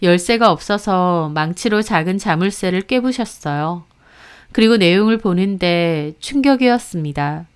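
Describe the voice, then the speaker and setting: A woman storyteller reading a scripted story in a steady, even manner. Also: lowish voice, moderate pace, clear, resonant tone.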